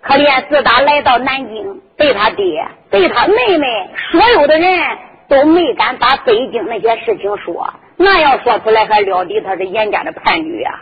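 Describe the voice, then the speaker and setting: A woman narrating a traditional story in a lively, dramatic way. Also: on the high side, moderate pace, breathy edge. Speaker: folk storyteller. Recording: dull lo-fi with music behind.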